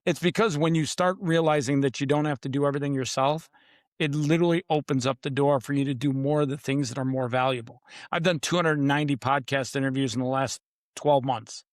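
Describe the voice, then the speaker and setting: In clean studio sound with no echo, a man speaks fairly quickly in a steady, medium-pitched voice. He's an author appearing as a guest in a casual podcast interview, talking confidently and emphatically and repeating the word "literally."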